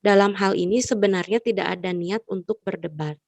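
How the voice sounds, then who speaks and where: A woman's voice: medium pitch, a little fast, darkish tone, no echo. A woman moderating an online class, politely reading out a question from the chat.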